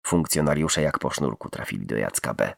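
Deep gravelly male true crime narrator. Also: expressive, fairly quick, no echo, clean studio sound. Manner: dramatic, shifts tone for quoted speech.

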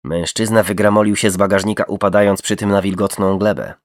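A man's voice: fairly low pitch, fairly even intonation, quick pace, dry recording, clean studio sound. A man narrating a true crime story dramatically. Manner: dramatic, shifts tone for quoted speech.

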